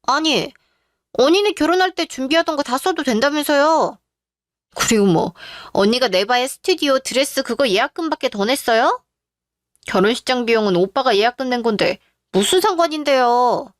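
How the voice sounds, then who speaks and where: A woman's voice: high-pitched, lively intonation, normal speed, no room sound, studio quality. A woman voicing a greedy younger sister-in-law-to-be in a radio drama, talking in a whiny, sulky way.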